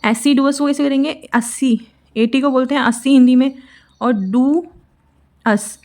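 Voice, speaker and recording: Brief: Indian woman vocabulary teacher, fairly high voice, playful and chatty, tells memory tricks as stories. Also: fairly even intonation, normal speed, darkish tone. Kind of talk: casual explaining lesson.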